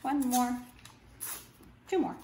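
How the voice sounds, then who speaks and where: A middle-aged woman, an art teacher, shows children how to make a craft at a wooden table indoors, speaking in brief, simple, unhurried steps while handling the materials. Her voice is a little high, expressive and dark in tone. Captured by a camera a couple of meters off, the sound has roomy echo and faint background noise.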